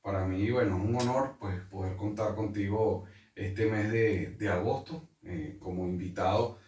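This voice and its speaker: A man's voice: fairly low pitch, fairly even intonation, measured pace, darkish tone. A man hosting a casual guitar interview, welcoming his guest in a friendly way with many fillers and restarts. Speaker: interview host. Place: room in Santiago, Chile. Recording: echoey room, mic at a distance.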